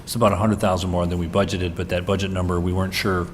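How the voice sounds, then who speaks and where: Very deep-voiced man explaining costs. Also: level tone, fast. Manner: matter-of-fact, explanatory. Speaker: city staff member explaining a project. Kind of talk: plain meeting explanation. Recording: long reverb in a council chamber, faint noise.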